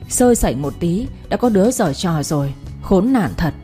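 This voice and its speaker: A woman's voice: on the low side, expressive, moderate pace, warm tone, soft background music, natural voice. A woman voicing a stern, commanding older mother-in-law in a read-aloud story. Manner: cold, commanding.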